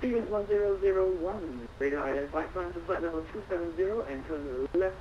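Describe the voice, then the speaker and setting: A man with a fairly high voice gives air traffic control instructions, reading numbers out one digit at a time. The recording is dull and lo-fi, with faint noise behind him. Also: brisk. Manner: procedural, digit-by-digit phrasing.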